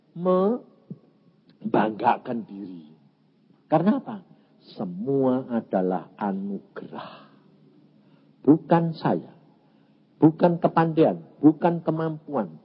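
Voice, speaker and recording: An elderly Javanese-accented evangelist preaches and tells stories, his fairly high voice leaping all over the place. The tone is husky, and the lo-fi recording dulls it. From Indonesia. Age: 80s. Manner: animated, acts out dialogue with many voices. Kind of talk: sermon with storytelling. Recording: muffled lo-fi sermon recording.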